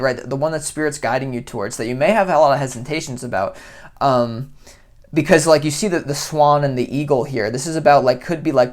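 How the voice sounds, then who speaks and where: A tarot reader giving a casual, goofy reading to camera, rambling and talking in loose, chatty asides. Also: medium pitch.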